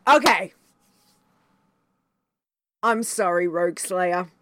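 A woman's voice: lowish voice, slow, pushed and bright, dry recording. A woman hosting a show in casual chat, often repeating her phrases for emphasis. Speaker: show host.

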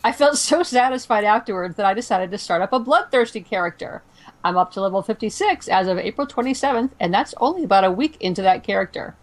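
A woman co-hosting a casual gaming podcast, briskly reading listener answers aloud. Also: medium pitch, lively intonation. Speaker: podcast co-host.

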